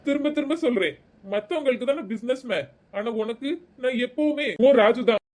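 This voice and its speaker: A woman's voice: sits high, a little fast, a little mellow, lightly acted. A woman voicing a lovesick young businessman son in a cartoon, sweet-talking his sweetheart. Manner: sweet-talking, self-pitying.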